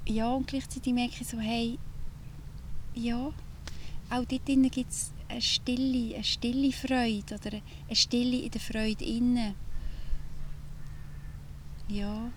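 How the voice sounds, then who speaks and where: Give me a Swiss German woman with a slightly high voice chatting vividly in a camper van. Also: level tone, slow pace, pauses often, a little hiss or hum. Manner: vivid and searching, full of restarts and fillers. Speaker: podcast host. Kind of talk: casual chat. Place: inside an old camper van.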